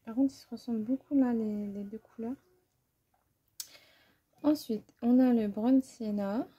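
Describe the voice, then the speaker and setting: With a husky, slightly high voice and a measured pace, this art vlogger comments casually on an art-supply haul as she swatches watercolors. She's chatty and self-deprecating, musing aloud as she goes. The high frequencies in the audio are cut off.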